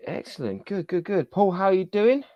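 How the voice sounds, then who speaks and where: A man's voice: high voice, very animated, brisk, no room sound, dull audio. A man hosting a live toy podcast stream, upbeat, greeting viewers one by one in casual chat. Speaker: podcast host.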